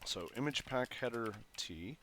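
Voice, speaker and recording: A programming tutorial host talks through his code as he types, in a medium-pitched, animated voice at a slightly slow pace, thinking aloud with fillers and self-corrections. His throat is phlegmy and he keeps clearing it during this casual coding walkthrough. Keyboard typing and clicks sit under some background noise.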